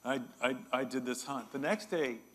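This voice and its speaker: A middle-aged man preaching a sermon as pastor, telling a personal story in an animated, self-deprecating way. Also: medium pitch, moderate pace. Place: church.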